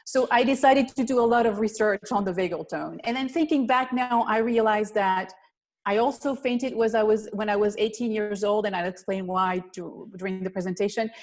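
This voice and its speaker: A woman's voice: mid-range voice, normal speed. A woman from Belgium with a Belgian accent, a guest presenter giving an earnest, explanatory webinar talk over a video call. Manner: earnest, explanatory, slightly non-native phrasing. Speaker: guest presenter, physical therapist.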